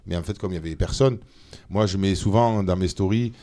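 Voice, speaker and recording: A man, a member of parliament, talking as a guest in a casual interview, animated and full of hesitations. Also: sits low, fairly quick. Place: studio of a streamed show.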